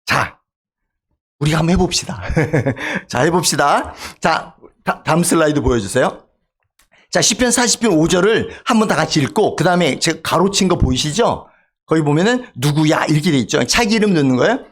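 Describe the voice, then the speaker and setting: A man's voice: fairly high pitch, expressive, moderate pace, fairly bright tone. A male pastor delivering a sermon in a church, emphatic and calling out for amens from the congregation. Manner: emphatic, calls for amen from congregation. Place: church sanctuary.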